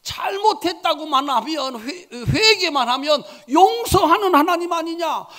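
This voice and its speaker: A preacher voicing God, loud and pleading. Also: male voice, very high-pitched, animated, measured pace, voice pushed up, exaggerated voice. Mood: pleading, emphatic. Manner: pleading, loud and emphatic rhetorical questions. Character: God gently reasoning with an angry prophet. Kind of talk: sermon.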